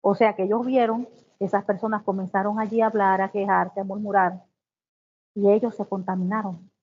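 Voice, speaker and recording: A woman giving a devotional Bible teaching, reading scripture slowly and then explaining it with exclamations. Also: medium pitch, flat delivery. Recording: tinny phone-like sound.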